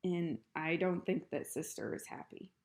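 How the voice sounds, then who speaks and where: Timid older sister figure, voiced by a woman, soft, hesitant, pleading, slightly raised pitch. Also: normal speed, lightly acted.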